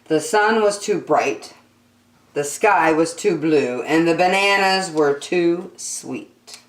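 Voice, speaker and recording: Female children's storyteller, unhurried and very expressive, slightly low pitch, roomy recording. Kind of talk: expressive picture-book read-aloud. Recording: roomy, echoey sound.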